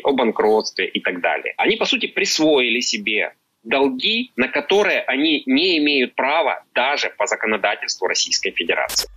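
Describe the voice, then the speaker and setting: A man gives explanatory legal commentary as a lawyer. His voice is husky and forceful with lively intonation, on a slightly dull recording. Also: lowish voice, dry recording. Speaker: lawyer, interviewed.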